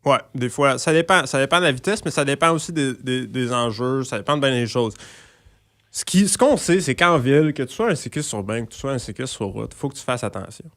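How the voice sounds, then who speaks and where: A man's voice: medium pitch, expressive, a little fast, fairly bright tone. Hesitant Québécois man, cyclist guest. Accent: Québécois French. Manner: thoughtful, hesitant with fillers and restarts. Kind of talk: casual podcast discussion.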